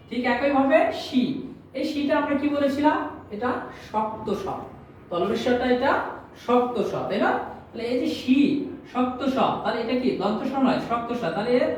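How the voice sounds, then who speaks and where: A woman's voice: on the high side, a little mellow. A woman with a Bangladeshi Bengali accent teaching a language class, drilling sounds over and over and answering her own questions. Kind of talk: classroom lesson. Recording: very echoey room, voice from far off, faint noise.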